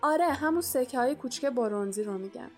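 A woman's voice: sits high, lively intonation, darkish tone, faint music behind. A woman voicing a huge, good-natured male giant in a storybook reading, talking in a drowsy, easygoing, reassuring way.

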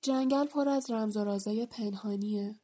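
A woman voicing a sad, solemn male centaur who speaks quietly, slowly and cryptically, sighing, in an audiobook. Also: medium pitch, lightly acted. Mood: sorrowful. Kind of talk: audiobook character voice.

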